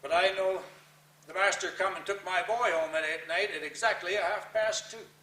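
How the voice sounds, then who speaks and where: A man with a folksy cowboy twang reciting rhyming verse as a theatrical storyteller, with drawn-out emphasis and dramatic pauses. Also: sits high, fairly even intonation, sharp tone. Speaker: cowboy poet reciting a narrative poem. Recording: roomy echo, distant microphone.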